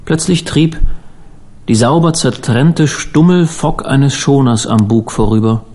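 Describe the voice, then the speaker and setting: Husky male audiobook narrator. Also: medium pitch, a little mellow. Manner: measured, dramatic storytelling. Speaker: audiobook reader.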